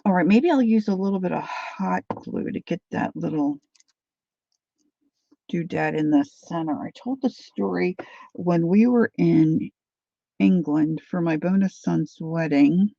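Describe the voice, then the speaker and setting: A woman in her sixties with a Philadelphia accent hosts a casual craft livestream, rambling as she reads out viewer comments. Her voice is lowish, gravelly and dark, at a measured pace with no echo, captured in dull lo-fi livestream audio.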